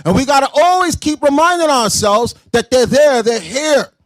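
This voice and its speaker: A man teaching scripture to a class, loud and confrontational, breaking into shouts and explaining verses in everyday slang. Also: extremely high pitch, normal speed, dry recording. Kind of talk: street-style preaching commentary.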